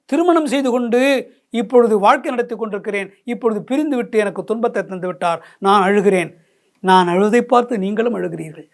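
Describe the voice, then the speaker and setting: A woman's voice: on the high side, natural voice. A woman voicing a grieving young wife who reproaches her own eyes in a lamenting, repetitive way. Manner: reproachful, lamenting, repeating herself. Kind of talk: dramatized poetry explanation.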